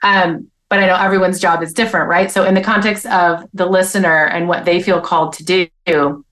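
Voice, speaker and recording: Woman guest, author and speaker, earnest and lively, slightly lower voice. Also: brisk, low-quality recording. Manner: earnest, animated, with frequent restarts. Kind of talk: casual faith interview.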